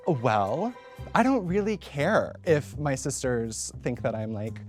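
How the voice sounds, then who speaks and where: A man's voice: medium pitch, animated, slow pace, a little mellow, faint music behind. A man as a guest in a casual chat, blunt with a dry, teasing edge.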